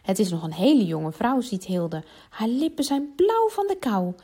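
A woman reading a children's Christmas story aloud, expressive and lively, giving the characters their own voices. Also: mid-range voice, normal speed, slightly rough.

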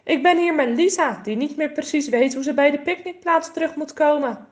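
A woman voicing a kind, friendly male forest ranger in a storybook, speaking slowly and soothingly. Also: high voice, darkish tone, voice pushed up, natural voice. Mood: kindly. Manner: slow, kindly, soothing.

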